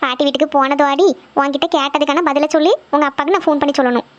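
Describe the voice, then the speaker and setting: A woman's voice: high voice, steady tone, very fast, highs cut off, close to an everyday voice. A woman voicing a strict middle-aged mother, scolding and lecturing her daughter.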